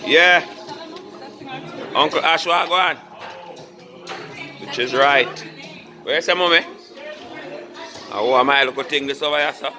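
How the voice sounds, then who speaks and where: A man's voice: a little high, slow, pauses often, sharp tone. A man bantering in patois while filming a family dinner. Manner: joking, laid-back patois banter. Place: family home at a holiday dinner. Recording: music and crowd chatter clearly behind.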